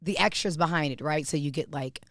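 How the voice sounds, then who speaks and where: A woman actress being interviewed, telling her story in an earnest, animated way. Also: low-pitched, fairly quick, dry recording, clean studio sound. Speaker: actress guest. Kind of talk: casual interview talk.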